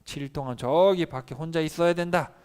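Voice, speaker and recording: A stern divine voice gives firm, loud orders, as a man preacher puts it on. The tone is commanding but plainly spoken. It fits a children's Bible story. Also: on the high side, fairly quick, clear, resonant tone, voice pushed up, close to an everyday voice.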